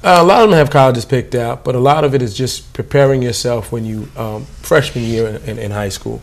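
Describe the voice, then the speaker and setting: A man's voice: mid-range voice, brisk, gravelly. A man, a youth program staffer, talking casually in an interview with many fillers. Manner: relaxed, informal, many fillers.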